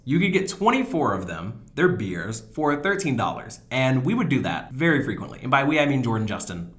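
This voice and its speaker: A man's voice: mid-range voice, fairly bright tone. A man in his twenties hosting a podcast, telling stories in a rambling, self-mocking casual chat. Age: 20s. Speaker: podcast host.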